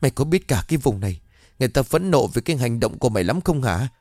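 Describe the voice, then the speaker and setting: A man's voice: medium pitch, very animated, racing, a little mellow, no echo. A man voicing a stern middle-aged mother who scolds her daughter bluntly and sharply. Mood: scolding, shocked.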